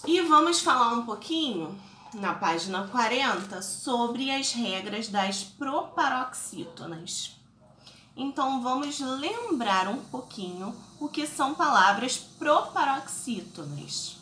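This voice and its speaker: Lively bright-voiced schoolteacher. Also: female voice, a little high, slow pace, roomy sound, slight background noise. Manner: patient, explains step by step with many check-ins. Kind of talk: recorded remote lesson for children.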